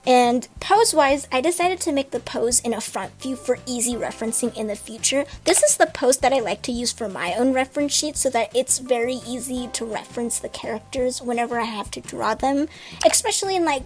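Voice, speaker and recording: A woman with a high, light voice chats enthusiastically as an artist vlogger. She addresses her viewers directly in a casual tone. Soft music plays faintly behind her. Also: lively intonation, a little fast. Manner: chatty, enthusiastic, talks straight to viewers. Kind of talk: casual vlog chat and voice-over narration.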